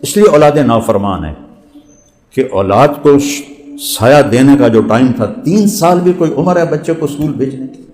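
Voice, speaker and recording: Male preacher telling a story in a sermon, mid-pitched voice, big reverby hall. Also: animated, a little mellow. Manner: dramatic storytelling, voicing the characters.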